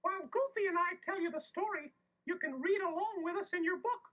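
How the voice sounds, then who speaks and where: Casting: tiny good-hearted cartoon mouse, very high squeaky falsetto, chipper storybook teller, on thin old tape. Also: male voice, a little fast, narrow, tinny audio. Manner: chipper, earnest. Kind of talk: storybook narration in cartoon character voice. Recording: thin band-limited 1980s story tape, faint music.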